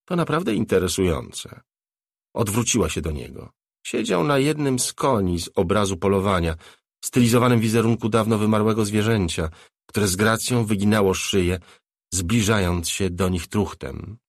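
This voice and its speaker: A man narrating a novel in a measured, low-key reading. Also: no echo, studio quality. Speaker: audiobook narrator. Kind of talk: scripted narration.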